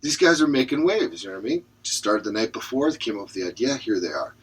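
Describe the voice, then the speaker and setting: Animated man telling a joke. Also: medium pitch, fast talker, husky. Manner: animated storyteller, acts out voices. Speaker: podcast co-host. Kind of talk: casual joke-telling and chat.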